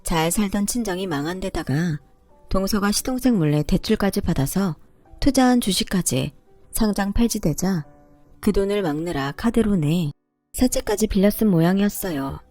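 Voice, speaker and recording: A woman narrating a first-person story in a calm, conversational storytelling manner. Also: mid-range voice, normal speed, gravelly, no echo, faint music behind.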